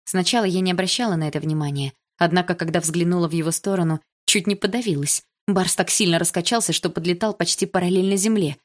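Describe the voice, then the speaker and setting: A woman narrating a first-person novel with an expressive, emotional reading. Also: on the low side, quick pace, few pauses. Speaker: audiobook reader.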